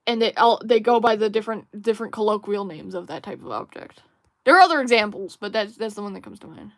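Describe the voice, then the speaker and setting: A woman's voice: mid-range voice, fast talker, dry recording. Rambling young woman streamer, dry sound. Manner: rambling, musing, many fillers and restarts; reads viewer chat aloud. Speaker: livestream host. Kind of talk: casual livestream chat while drawing.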